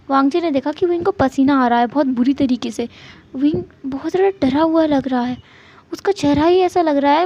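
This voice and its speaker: A woman's voice: high-pitched, darkish tone, muffled recording. A woman narrating fan fiction as a storyteller, slipping English words into her sentences.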